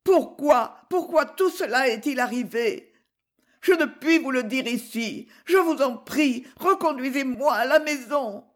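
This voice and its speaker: Brief: a woman playing a frightened young miss in an audiobook, high, breathless, pleading. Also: very animated, measured pace, hardly any pauses, full character voice. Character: flustered young girl, kidnapping victim. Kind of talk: audiobook character reading.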